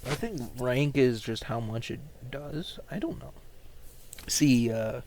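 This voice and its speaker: A man's voice: medium pitch, expressive, slow pace, a little mellow, slight background noise, low-quality recording. A man casually talking through a strategy game match, rambling with lots of fillers and restarts. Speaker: gamer commentating his match. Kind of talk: casual gameplay commentary.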